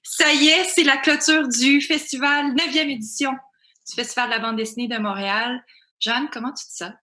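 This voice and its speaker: Female host, Quebec accent, bright and fairly high, casual delivery, reverberant room. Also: fairly even intonation, normal speed. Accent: Quebec French. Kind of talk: casual live hosting. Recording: echoey room.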